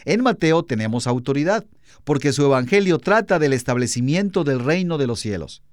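Steady male Bible program co-host. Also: on the high side, a little fast, dry recording, clean studio sound. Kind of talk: explaining scripture in a studio discussion.

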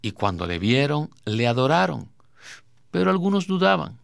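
Male Bible program host, measured scripture reader, gravelly, dry studio sound. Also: medium pitch, big pitch swings, dry recording. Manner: measured, reads verses aloud. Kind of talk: scripture reading and program presenting.

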